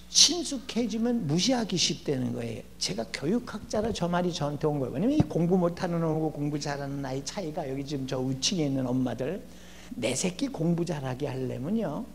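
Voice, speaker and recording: A gravelly older man giving a lively, humorous lecture as a guest educator in a church. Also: a little high. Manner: lively, acts out quoted people with shouting and laughs. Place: church hall. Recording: long church hall reverb, faint hum.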